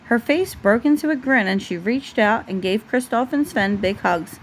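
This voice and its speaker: At home, a woman reads a children's storybook aloud the way a parent would at bedtime. Her voice is on the high side, expressive, and moderately paced, and the rough home recording carries faint background noise.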